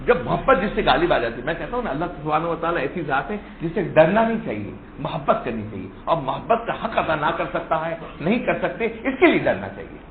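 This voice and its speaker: A man's voice: fairly high pitch, big pitch swings, hardly any pauses, echoey room, phone-quality sound, a little hiss or hum. A man giving a religious sermon in a storytelling way, repeating key words and rising for emphasis. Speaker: Sufi preacher.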